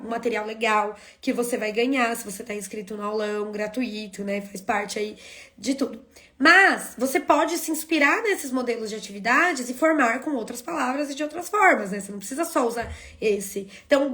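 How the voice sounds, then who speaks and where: A woman with a fairly high voice teaches an online class in a chatty way. She asks a question, then answers it herself, and often adds little checks like "right?" along the way. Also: fairly bright tone.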